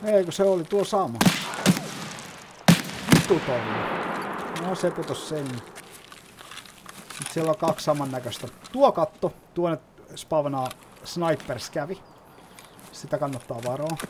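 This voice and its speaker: A man's voice: a little high, pauses often, background noise. A man giving casual gameplay commentary, explaining as he plays and swearing often. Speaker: gaming YouTuber.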